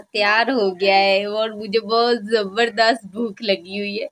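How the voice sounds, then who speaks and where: A woman's voice: mid-range voice, little pitch movement, unhurried, fairly bright tone. A young woman from Pakistan chatting casually in a cooking vlog, laughing often, filmed in a rural courtyard on a camera mic. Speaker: vlogger. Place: rural courtyard, outdoors and in a brick kitchen.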